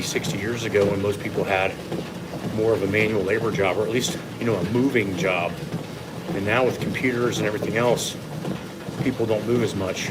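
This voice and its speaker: A man who coaches fitness, talking casually to livestream viewers in a measured, opinionated way while walking on an incline treadmill. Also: on the low side. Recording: loud steady treadmill machine noise. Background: treadmill running noise.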